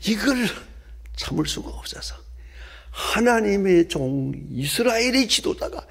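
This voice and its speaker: A male pastor delivers a sermon in a gravelly, husky voice. His pitch leaps about as he shifts from ringing exclamations to hushed, breathy whispers. The pitch sits a little high for a man. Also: big pitch swings, a little slow. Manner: dramatic swings from loud exclamations to hushed whispers.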